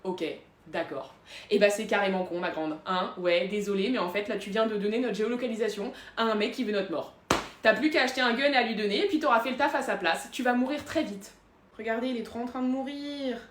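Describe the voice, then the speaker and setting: A woman performing comedic sketch monologues, self-assured and deadpan. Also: medium pitch, fast talker, echoey room, a little hiss or hum. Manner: deadpan, self-assured, playing several characters.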